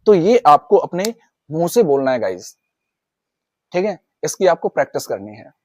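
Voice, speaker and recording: A man teaching an English speaking lesson, who repeats practice phrases slowly and talks to his viewers as guys. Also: on the high side, very animated, darkish tone, dry recording. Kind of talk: spoken lesson.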